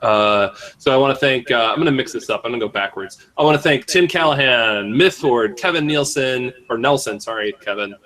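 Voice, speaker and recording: A man's voice: mid-range voice, brisk, few pauses, fairly bright tone. A man hosting a podcast in casual chat, joking, rambling and poking fun at himself. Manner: joking, rambling, self-mocking. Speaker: podcast host.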